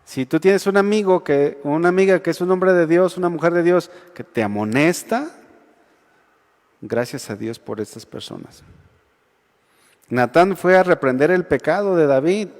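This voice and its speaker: A Mexican man preaching to a youth congregation with a high, light voice. He talks conversationally and keeps checking that his listeners agree. His voice rings out with the long reverb of a big church hall. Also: normal speed, a little mellow. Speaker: youth pastor. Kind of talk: sermon.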